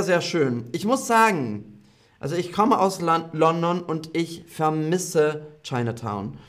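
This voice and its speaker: A man teaching German in a live online lesson, repeating each phrase slowly and clearly and reading out comments from his learners. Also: medium pitch.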